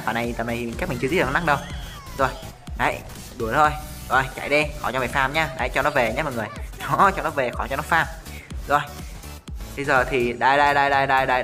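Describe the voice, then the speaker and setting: A man giving live commentary over his own mobile game match, talking excitedly to viewers and firing off rapid repeated callouts. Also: medium pitch. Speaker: gaming streamer.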